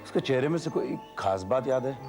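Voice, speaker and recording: A brisk commanding investigator. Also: male voice, medium pitch, expressive, vocal fry, music in the background. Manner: brisk, direct, questioning. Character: commanding retired officer detective, brisk. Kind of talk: TV serial acting.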